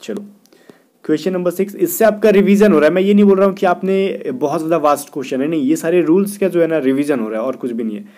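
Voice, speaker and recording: A man runs an exam-prep grammar lesson, explaining in Hindi and reading English sentences slowly word by word. His voice is mellow and dark, sitting a little high for a man. He keeps checking in with the class. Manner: keeps asking "theek hai na" and "kya bhai".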